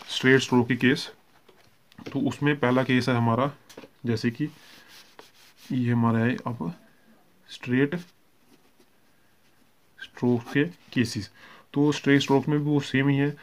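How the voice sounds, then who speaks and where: A man's voice: mid-range voice, measured pace, pauses often. A man with a Hindi accent teaching a shorthand lesson, explaining steadily, checking in often and correcting himself, mixing English terms into his Hindi. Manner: steady explaining, frequent "ठीक है" check-ins and self-corrections. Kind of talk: classroom lesson explaining strokes.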